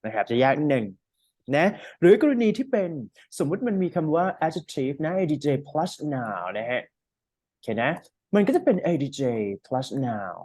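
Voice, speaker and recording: A man's voice: fairly high pitch, sing-song, slow, darkish tone, no echo. A man giving a casual one-on-one English lesson, explaining with fillers and frequent checks. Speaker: English tutor.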